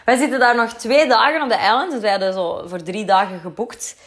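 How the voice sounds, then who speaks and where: A young Flemish woman tells a story straight to her audience in a loose, talkative storytime manner. Her voice sits a little high for a woman, and she drops casual curses along the way. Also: brisk. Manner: chatty, swears freely, lively retelling. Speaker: vlogger.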